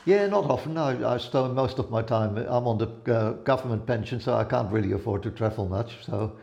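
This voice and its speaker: Gravelly older Dutch-born man, mellow. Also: medium pitch, highs cut off. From Netherlands. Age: 70s. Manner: relaxed and rambling, many pauses and fillers. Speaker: guest, retired photographer and blogger. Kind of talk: casual interview chat.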